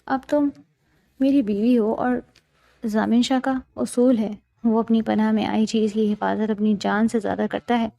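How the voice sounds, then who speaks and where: A stern young husband with a firm, commanding delivery, read aloud by a woman. The voice sits a little high, with a gravelly edge and a mellow, dry sound. It suits an audiobook romance reading. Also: steady tone.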